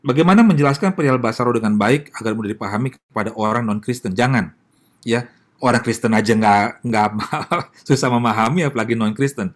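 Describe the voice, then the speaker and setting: A man's voice: mid-range voice, fairly quick. A man with an Indonesian accent, a pastor giving a casual sermon and answering questions, talking straight to his listeners with many tag questions.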